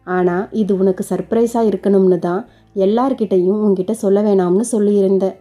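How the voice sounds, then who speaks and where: Brief: gentle, devoted young groom in a storybook tale, voiced by a woman, earnest and comforting, quick and warm. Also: mid-range voice, fairly even intonation, faint music behind, close to an everyday voice. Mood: reassuring. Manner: earnest, reassuring, explains at length.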